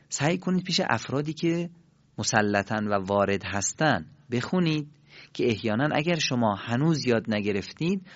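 A man's voice: medium pitch, no echo, lo-fi sound. A man teaching Quran recitation, who demonstrates throat sounds patiently and has listeners repeat after him. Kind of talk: recorded tajweed lesson.

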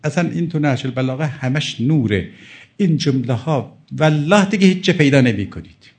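A man's voice: medium pitch, animated, darkish tone. A middle-aged male cleric giving a religious sermon, emphatic and pleading as he quotes and explains Arabic texts. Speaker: cleric preacher.

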